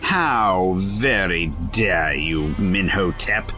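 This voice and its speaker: A man in an audio drama playing a quick-witted, righteous adventurer, sardonic and theatrical. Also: deep voice, animated, sharp tone, faint music behind, exaggerated voice. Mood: sarcastic, reproachful. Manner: wry, sarcastic, theatrical.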